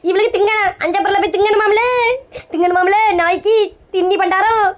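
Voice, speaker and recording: A woman's voice: very high voice, steady tone, a little fast, heavy background noise. A woman with an acting a distraught, scolding wife in a comedy skit, wailing melodramatically.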